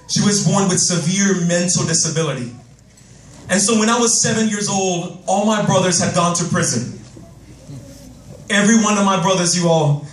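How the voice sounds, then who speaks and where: A man giving an emotional, animated motivational talk to young people, telling his life story into a handheld microphone and often repeating himself when stirred up. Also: high voice, a little hiss or hum. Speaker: motivational speaker. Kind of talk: personal storytelling speech to youth. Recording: roomy, distant microphone sound.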